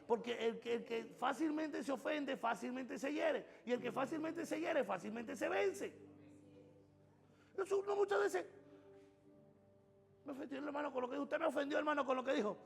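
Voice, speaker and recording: High-pitched gravelly preacher in a hall. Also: male voice, animated, normal speed. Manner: preaching with rising, emphatic repetition. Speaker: pastor. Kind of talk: sermon.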